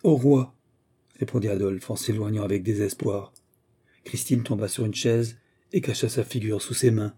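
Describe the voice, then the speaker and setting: A man narrating a historical novella as an audiobook, reading in a steady, measured way. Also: lowish voice, breathy edge.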